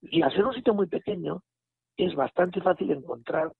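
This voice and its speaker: A man, telling a story in a casual, animated way and acting out the dialogue. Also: sits high, moderate pace, gravelly. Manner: animated retelling with quoted dialogue and restarts. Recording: phone line audio.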